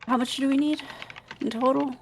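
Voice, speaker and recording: A woman's voice: high voice, steady tone, normal speed, slight background noise. A woman playing at a tabletop game, chatting casually and joking. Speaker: player.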